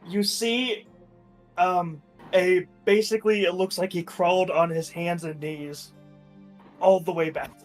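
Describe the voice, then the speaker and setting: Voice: mid-range voice, fairly even intonation, a little slow, faint music behind. A game master narrating and refereeing a tabletop role-playing session.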